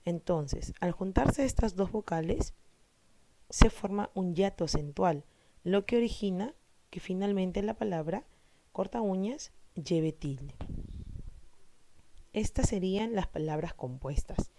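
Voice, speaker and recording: A woman teaches a grammar lesson in a warm, mellow voice of middle pitch. She speaks slowly and deliberately, asking her pupils questions and then answering them herself. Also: lively intonation, a little hiss or hum. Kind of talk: explaining a Spanish grammar lesson to students.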